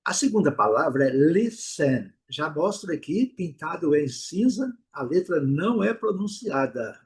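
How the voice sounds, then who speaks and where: A husky, slightly breathy Brazilian man with a fairly high voice gives a pronunciation lesson. He says each example word slowly, several times, and stretches the vowels. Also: very animated, darkish tone. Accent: Brazilian Portuguese. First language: Portuguese. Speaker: English teacher.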